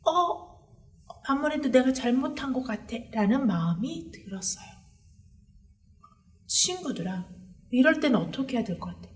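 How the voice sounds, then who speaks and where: A woman preaching a sermon to children, her voice high and swooping widely as she tells the story. She keeps turning to the kids with questions, lively and expressive throughout. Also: normal speed, pauses often. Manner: animated, asks the children questions. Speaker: children's pastor.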